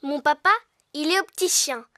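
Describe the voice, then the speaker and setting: A woman's voice: high-pitched, moderate pace, bright, forceful tone, dry recording, studio quality. A woman voicing a polite, earnest little boy pony who plays at being a professional, in a French-dubbed preschool cartoon.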